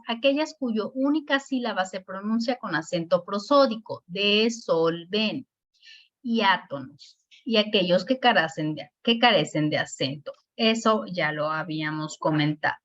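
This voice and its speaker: A woman's voice: mid-range voice, fairly bright tone. Patient woman teacher, dull lo-fi sound. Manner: patient, spells out syllables, checks in with "¿sí?". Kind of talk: online grammar lesson.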